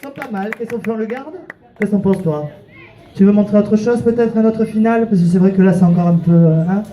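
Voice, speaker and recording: A man's voice: high voice, fairly quick, lo-fi sound. A man running a comic street show, teasing his volunteers playfully, counting them in and coaxing the crowd to applaud. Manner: teasing, playful, calls volunteers "mon cœur". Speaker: street performer leading audience volunteers. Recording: open-air recording with a noisy crowd around.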